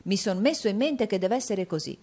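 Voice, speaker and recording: Storybook: excitable middle-aged male clerk, cryptic and outraged, put on by a woman narrator. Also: medium pitch, a little fast, voice pushed up, lightly acted. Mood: secretive. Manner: loud and urgent.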